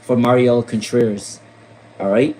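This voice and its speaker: On a live stream, a Rhode Island tarot reader gives relaxed readings in a steady, medium-pitched, somewhat dark voice at a normal speed. He repeats names and questions with lots of fillers. The rough recording has slight background noise.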